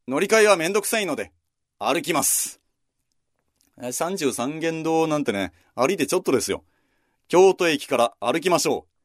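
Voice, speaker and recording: A man's voice: fairly high pitch, dry recording, clean studio sound. A man hosting a history program, narrating a walking route in a scripted but conversational way with casual asides. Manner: lively, conversational storytelling with asides.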